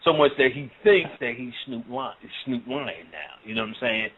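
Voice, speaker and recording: A man delivers an occult lecture in a casual, rambling way, full of swearing and constant "you know what I'm saying" check-ins. His voice sits at an ordinary middle pitch. The audio is narrow and tinny, like a phone call. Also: normal speed.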